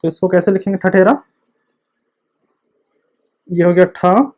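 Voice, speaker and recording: A man giving an online video lecture, explaining slowly and step by step while he writes. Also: sits high, a little mellow, muffled recording. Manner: slow, step-by-step explaining, repeating the same check word. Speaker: teacher of a script.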